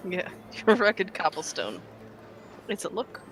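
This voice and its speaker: A woman's voice: fairly low pitch, very animated, slow pace, low-quality recording. A woman chatting casually as a player in a tabletop game. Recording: music behind.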